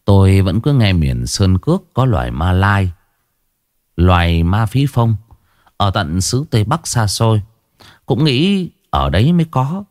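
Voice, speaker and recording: A man with a low voice narrates a ghost story, his pitch swinging widely as he tells it. The sound is dry and close, with no room around it. His delivery stays expressive throughout. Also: no room sound. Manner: expressive, rising and falling delivery.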